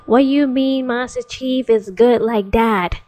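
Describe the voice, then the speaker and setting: Woman, giggly, casual chat, slightly high voice, slow pace. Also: fairly even intonation, a little mellow, faint music behind. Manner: giggly, laughs often between questions. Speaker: streamer testing a voice assistant.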